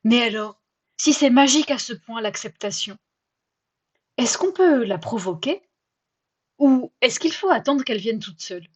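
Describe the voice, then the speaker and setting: A woman hosting a personal podcast, telling her own story in a chatty, self-mocking and expressive way. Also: on the high side, measured pace, pauses often, breathy edge. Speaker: podcast host.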